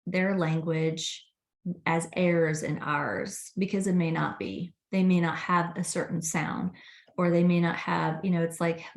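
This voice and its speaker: A woman guest talking casually in an interview, chatty and animated when retelling conversations. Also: on the low side, creaky. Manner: chatty, acts out quoted dialogue with laughs. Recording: roomy echo.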